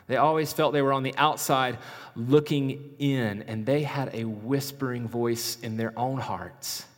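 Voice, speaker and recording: A male pastor preaching a sermon in a church, slow and dramatic, dropping to a hush and then rising for emphasis. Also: mid-range voice, fairly even intonation. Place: church sanctuary. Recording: long reverb of a large hall.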